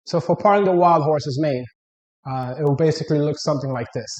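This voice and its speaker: A man's voice: a little high, brisk, a little mellow, lo-fi sound, faint music behind. A man coaching an exercise, giving plain-spoken step-by-step instructional cues. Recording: echoey room.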